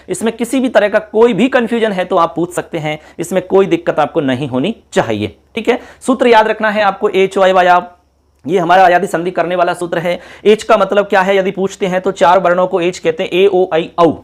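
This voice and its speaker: A male teacher with a fairly high voice works through examples at a board. He speaks patiently, stretches out key words and says them twice, and keeps asking the class whether they have understood. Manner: patient, repeats each example slowly, checks with the class. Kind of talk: classroom lecture.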